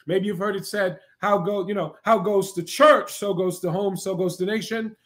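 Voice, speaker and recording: High-voiced man preaching with emphatic cadence. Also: fairly even intonation, moderate pace, a bit bright. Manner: emphatic, repetitive cadence with frequent "right?" asides. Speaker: preacher and broadcast host. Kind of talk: preaching to a live online audience.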